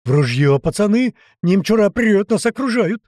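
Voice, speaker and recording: Storybook soldier in a panic, played by a man: high, loud, shouting. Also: wildly swooping pitch, normal speed, husky, dry recording, clean studio sound, full character voice. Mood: frantic yelling. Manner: yelling, high-pitched, alarmed. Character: frantic battle-crazed male soldier nicknamed Mamulya.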